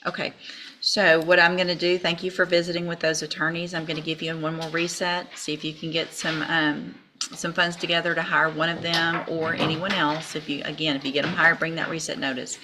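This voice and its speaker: A woman's voice: deep voice, flat delivery, brisk. A woman judge in a courtroom, firmly and methodically instructing defendants on procedure. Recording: hissy courtroom recording.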